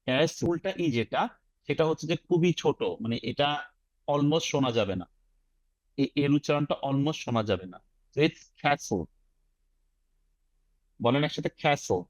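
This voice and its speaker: A man with a Bangladeshi accent teaches an online IELTS class, drilling words syllable by syllable, breaking them into sounds for students to repeat, and mixing English phrases into his explanations. His voice is on the high side with lively intonation, unhurried delivery, long pauses and no room sound.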